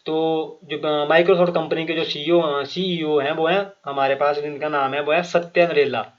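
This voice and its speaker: A man's voice: a little high, steady tone, a little slow. Man explaining quiz answers, muffled recording. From Himachal Pradesh. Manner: reads each question and options aloud, repeats, then explains answer; frequent fillers and restarts, addresses viewers directly. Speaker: quiz teacher. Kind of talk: exam prep quiz lesson.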